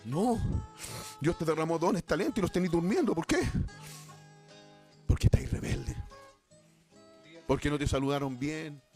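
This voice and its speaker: A man preaching an impassioned Pentecostal sermon as an evangelist, shouting exhortations and repeating phrases. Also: fairly high pitch.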